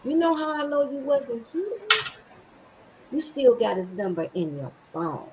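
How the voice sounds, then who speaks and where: A middle-aged woman with a scratchy, high-sitting voice hosts a podcast, speaking in an animated, unhurried way. Her casual motivational chat is sassy, emphatic and preachy, packed with slang.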